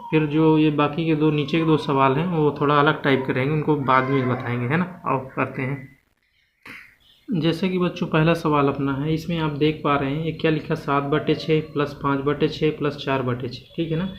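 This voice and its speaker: This man speaks with a slightly higher voice as he teaches maths to children. He keeps asking little questions and answering them himself, stretching out the numbers he reads. The audio is muffled and lo-fi, with a faint hiss behind it. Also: fairly even intonation. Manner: slows down and stretches out numbers he says aloud. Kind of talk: classroom-style maths lesson for children. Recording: dull, lo-fi home recording with faint background hiss.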